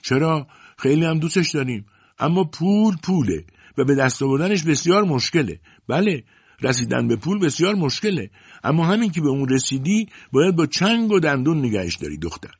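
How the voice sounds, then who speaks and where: A hard, greedy middle-aged mother who scolds and shouts, pitched high and pushed loud, as a man puts her on while reading. The voice stays husky and close, and the recording sounds dull and dry. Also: very animated, no room sound, heavily acted. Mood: stern.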